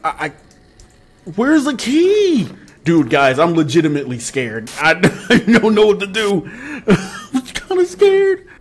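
In a small room with posters at his back, a young male streamer plays a horror game and talks nervously to chat. He takes it slowly, his high voice swooping wildly up and down. Every so often he jumps, letting out loud yelps and laughs.

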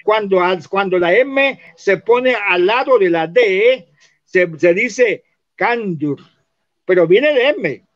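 Man, high voice, slow patient teaching, repeats words aloud, dull lo-fi sound. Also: expressive. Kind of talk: explaining spelling and pronunciation. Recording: dull lo-fi recording.

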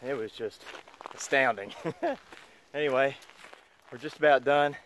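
A man in his thirties talking casually to a handheld camera on a forest trail, relaxed and chatty. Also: mid-range voice, measured pace, slight background noise. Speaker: hiking vlogger. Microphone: handheld camera at arm's length.

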